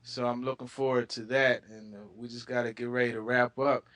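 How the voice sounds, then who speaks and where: A man co-hosts a sports talk show at an ordinary middle pitch. He talks in a relaxed, friendly way and leans on easy fillers as he goes. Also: brisk. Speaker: co-host.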